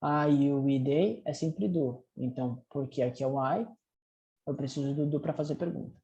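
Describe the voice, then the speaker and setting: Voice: mid-range voice, warm tone, lo-fi sound. An English teacher with a Brazilian Portuguese accent explains grammar patiently, step by step, and checks in with students often. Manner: reads English drill sentences slowly and clearly. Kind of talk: recorded language lesson.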